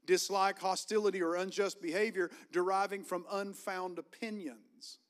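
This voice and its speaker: Virginia-accented preacher with a higher voice. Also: male voice, fairly even intonation, normal speed. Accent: Virginian Southern. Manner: preaching with call-and-response, rising fervor. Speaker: pastor. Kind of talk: sermon. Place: church sanctuary.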